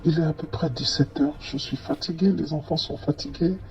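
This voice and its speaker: A man's voice: a little high, fairly even intonation, moderate pace, darkish tone, muffled recording. Hesitant man telling a story. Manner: hesitant, many fillers and restarts. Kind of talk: first-person testimony narration.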